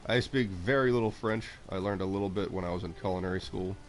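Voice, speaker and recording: Low-pitched and quick, this streamer from Texas and South Florida keeps up casual chatter with his viewers while gaming, answering chat and cooing at pets over faint background noise.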